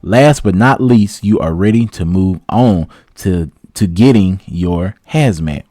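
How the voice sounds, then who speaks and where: A young man, a truck driver giving relaxed, chatty career advice to viewers. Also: low-pitched, takes it slowly, no room sound, clean studio sound. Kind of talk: casual advice vlog with read-out tips.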